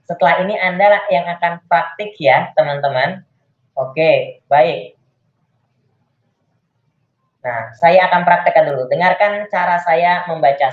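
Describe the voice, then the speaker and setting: A public speaking coach teaching an online class, talking deliberately with clear pauses over a video call. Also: mid-range voice. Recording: echoey, phone-like video call audio.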